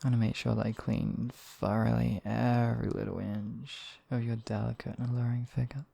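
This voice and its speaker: This performance has a man as a demon king who adores his beloved, speaking at medium pitch with little variation and a moderate pace. His soft, dark, gravelly creaking tone is intimate, courteous and teasing, and the romantic ASMR roleplay carries a seductive mood.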